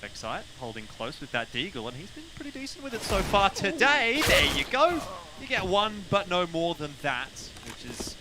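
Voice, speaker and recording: A man's voice: high voice, wildly swooping pitch, moderate pace, few pauses, crowd noise, rough recording. A man giving live play-by-play commentary on a video game match. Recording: clear gunfire and game noise behind.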